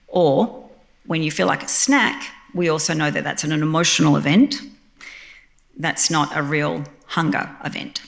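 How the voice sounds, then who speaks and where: A woman's voice: deep voice, moderate pace, creaky, fairly bright tone. A woman, a psychotherapist giving a earnest, heartfelt live presentation at a venue and repeating phrases for emphasis. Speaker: psychotherapist presenting at a health summit.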